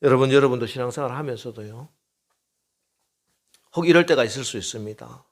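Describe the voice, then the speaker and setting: A man's voice: mid-range voice, fairly quick. A male pastor preaching a sermon emphatically, often throwing rhetorical questions and tags at the congregation.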